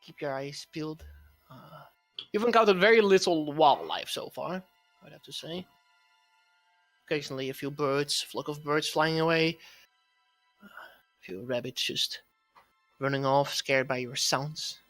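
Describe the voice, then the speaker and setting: Southern US male game master, fairly high voice, easygoing and jokey, lots of "uh"s. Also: measured pace, long pauses, fairly bright tone, faint music behind. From Southern United States. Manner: joking, laid-back, with frequent "uh" fillers. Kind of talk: narrating a tabletop game on a live stream.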